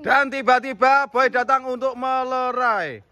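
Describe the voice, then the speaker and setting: A man's voice: very high-pitched, fairly even intonation, a little slow, pushed and bright. A man, narrating a comedy skit and directing his team, often laughing as he talks. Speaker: director of an acting challenge.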